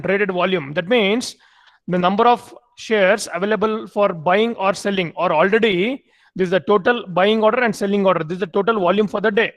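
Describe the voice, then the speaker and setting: Brief: high-pitched male lecturer, repeats and quizzes students. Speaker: MBA lecturer. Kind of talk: online class lecture.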